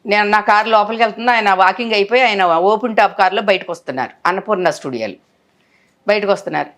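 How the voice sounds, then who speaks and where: A woman in her sixties, an actress, speaks fast at a medium pitch while telling emotional stories from her film career in an interview. She is animated, acting out what other people said to her as quotes.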